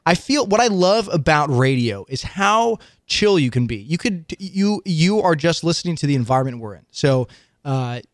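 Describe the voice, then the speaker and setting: A man hosting a casual radio show, talking in a quick, upbeat way full of fillers. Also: on the high side, very animated, no room sound, clean studio sound. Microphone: studio mic.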